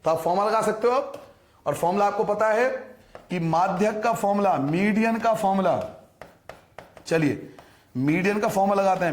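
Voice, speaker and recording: High-voiced male maths teacher, echoey room. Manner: patient, repetitive explaining, addresses students as beta; rhetorical questions to students. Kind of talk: recorded classroom lesson.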